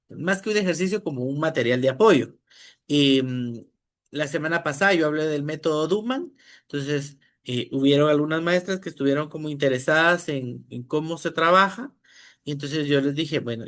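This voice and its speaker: A man from Guatemala leads an online training session as a teacher, his voice a little high and a bit bright. He explains the material step by step and often checks in with his listeners.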